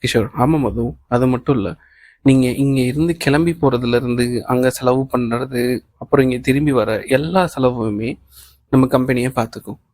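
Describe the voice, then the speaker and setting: A man reading the lines of a kind male office boss in an audiobook of a novel, calm and reassuring, mixing in English phrases. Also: medium pitch, moderate pace, close to an everyday voice.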